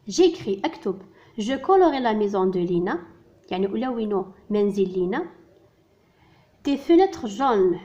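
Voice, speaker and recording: Woman teaching slow, careful French. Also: fairly high pitch, dark tone. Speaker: primary school French teacher. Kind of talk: workbook lesson explained in French and Arabic. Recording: dull lo-fi recording.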